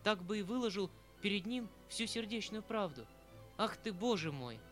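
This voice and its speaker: A man's voice: sits high, expressive, moderate pace, fairly bright tone, voice pushed up. A man reading the part of a tender, fretful aging uncle, a retired colonel, who talks in an emotional, rambling, pleading way. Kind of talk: audiobook reading of a classic novel. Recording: faint background music.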